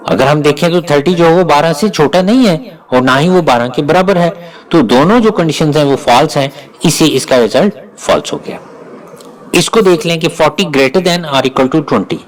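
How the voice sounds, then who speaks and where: A man giving a recorded programming lecture, explaining each operator slowly and deliberately. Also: fairly high pitch, poor audio. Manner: slow, deliberate, often pauses to spell out each operator. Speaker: programming teacher.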